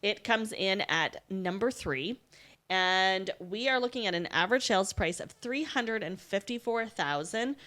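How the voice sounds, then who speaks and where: A woman's voice: medium pitch, animated, unhurried, a bit bright. A woman co-hosting a podcast, chatting through figures and adding her own asides. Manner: chatty, explains numbers with asides. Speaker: podcast co-host. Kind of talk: casual podcast chat with market figures.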